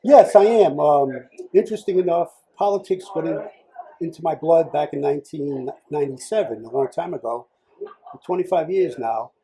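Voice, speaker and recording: A man's voice: on the high side, moderate pace, gravelly, mellow, slightly rough, low-quality recording. A man, a political candidate telling his story in a casual interview, rambling with many fillers and restarts. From Rhode Island.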